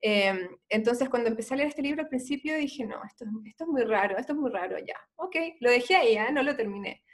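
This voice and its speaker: A Chilean woman, a doctor appearing as a guest, tells her story quickly in a fairly high voice with lively intonation. She speaks with a Chilean Spanish accent, earnest and conversational, saying "eh" often.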